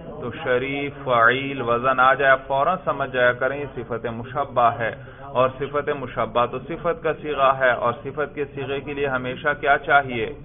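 A man's voice: mid-range voice, little pitch movement. Man, teacher, questioning, repeats answers, praises, tinny lo-fi audio. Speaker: Arabic grammar teacher. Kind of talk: classroom grammar lesson.

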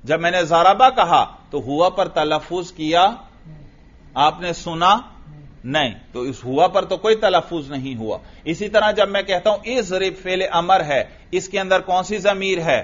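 A male teacher giving a classroom lecture, who reads Arabic lines slowly, explains them and asks his students questions that he then answers himself. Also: high-pitched, a bit bright. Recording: dull lo-fi recording.

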